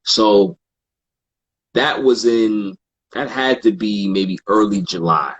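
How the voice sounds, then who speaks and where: A man guesting on a podcast, telling stories in a relaxed, casual way and acting out what others said. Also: on the low side, slow pace, slightly rough, lo-fi sound. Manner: relaxed, quotes others in animated asides, frequent fillers. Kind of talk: casual storytelling in conversation.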